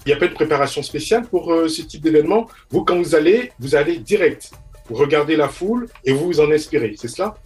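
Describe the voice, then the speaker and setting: A man hosting a radio interview, asking measured, polite questions. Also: fairly high pitch, animated, a little mellow, faint music behind. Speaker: radio host.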